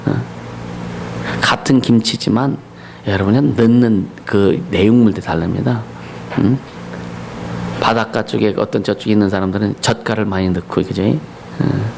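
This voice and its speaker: Gravelly Korean pastor preaching. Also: male voice, moderate pace, long pauses, noisy background. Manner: preaching with call-and-response questions to the congregation; loud, high declamation when reciting scripture and slogans. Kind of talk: sermon. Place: church sanctuary.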